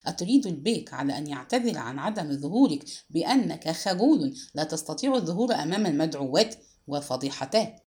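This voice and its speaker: A woman voicing a firm, mocking older brother in an audiobook, speaking lower and more quietly than her narration. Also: sing-song, brisk. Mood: scolding. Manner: firm, scolding.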